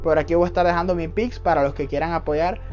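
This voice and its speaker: A man's voice: fairly high pitch, fairly even intonation, fast talker. A young Cuban man with a Cuban accent, casually answering viewer questions in a vlog, earnest and emphatic and often calling his viewers family. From Cuba. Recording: dull lo-fi audio with faint background music.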